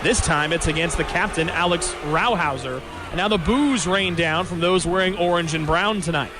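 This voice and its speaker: Speaking at normal speed in a slightly high voice, a man provides live radio commentary at a hockey game in the arena. His descriptions come in clipped fragments, with background noise around him.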